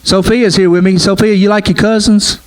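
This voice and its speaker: A middle-aged pastor with a fairly high, steady voice preaches at normal speed in a conversational style, repeating phrases and often dropping "man" and "right?". The audio quality is poor.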